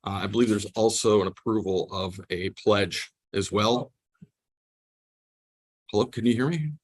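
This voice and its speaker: A man's voice: lowish voice, measured pace, husky. A man speaking as an attorney at a formal hearing, heard over a video call with stuttering, choppy audio, talking politely with fillers and apologies. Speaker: attorney appearing for an applicant. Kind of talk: formal remarks at a regulatory hearing.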